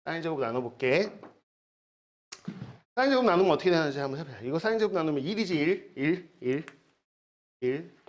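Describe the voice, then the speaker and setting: An animated math teacher, his pitch swinging widely, works through formulas in a recorded lecture whose audio has the highs cut off. He is chatty and repeats key words, tosses in jokey side stories, and keeps checking understanding with a quick "got it?"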